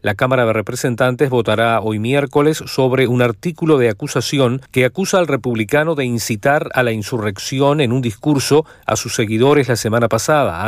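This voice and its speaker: A man reading a scripted AM radio news report in a formal, measured manner. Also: medium pitch, dry recording, studio quality. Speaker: news correspondent.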